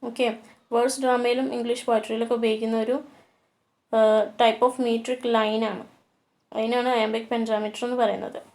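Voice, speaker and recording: A woman teacher lecturing on a poem, slowing to a deliberate pace on the English lines and pausing on fillers as she explains. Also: a little high, little pitch movement, darkish tone. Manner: switches to slow, deliberate reading for English lines; hesitant, with many fillers. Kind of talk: poetry lecture.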